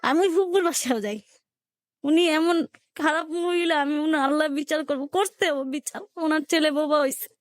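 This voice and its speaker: This woman has a high voice and talks at a normal speed, narrating her own life story emotionally with a colloquial Dhaka-area Bangladeshi accent. She acts out conversations in dialect as she goes, and the studio-quality audio has no room sound.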